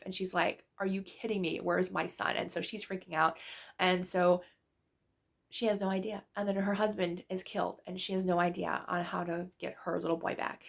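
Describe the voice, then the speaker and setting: A woman book vlogger talks through her favorite reads in a loose, gushing way, with lots of "like" and "literally" along the way. Her voice sits at an ordinary middle pitch and has a noticeable gravelly fry. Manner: chatty and gushing, with frequent fillers like "like" and "literally". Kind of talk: casual book review chat.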